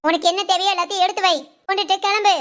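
A domineering cartoon mother-in-law who snaps out orders, voiced by a woman. Her voice is very high and rapid, with a curt, commanding tone. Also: little pitch movement, fairly bright tone. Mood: cold. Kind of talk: cartoon family drama voice acting.

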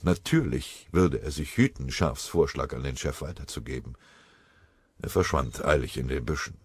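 Deep, husky male audiobook narrator. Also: lively intonation, dry recording. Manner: grave, measured. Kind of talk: scripted war story narration.

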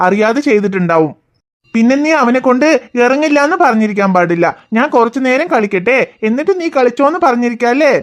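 A woman voicing a patient cartoon father who calms and reasons with small children. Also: a little high, natural voice. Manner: soothing, reasoning, calm. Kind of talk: cartoon voice acting.

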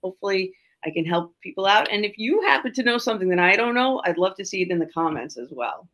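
A woman's voice: mid-range voice, very animated, fast, fairly bright tone. A woman of forty with a New York accent, a genealogist presenting in an upbeat, chatty way over a video call. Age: 40s. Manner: upbeat, chatty, self-deprecating. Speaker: genealogist guest. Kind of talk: webinar presentation.

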